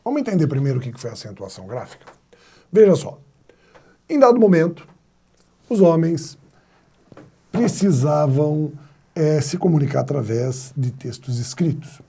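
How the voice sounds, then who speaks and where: A man's voice: fairly high pitch, sing-song, moderate pace, creaky, pauses often, mellow, breathy edge. A man teaching a grammar video lesson, explaining step by step and posing rhetorical questions to his students. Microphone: wired mic.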